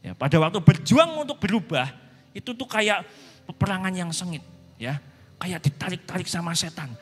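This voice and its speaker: A man's voice: high-pitched, moderate pace, breathy edge, faint music behind. Male pastor in a hall. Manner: lively preaching with rhetorical questions and hushed asides. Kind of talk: youth sermon. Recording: long reverb of a church hall.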